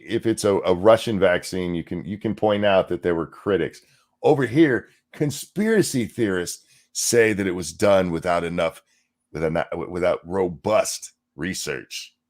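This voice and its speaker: A gravelly, lowish male voice belongs to a co-host on a casual political show. He reads news stories aloud but keeps interrupting himself with scornful, sarcastic comments and plenty of swearing.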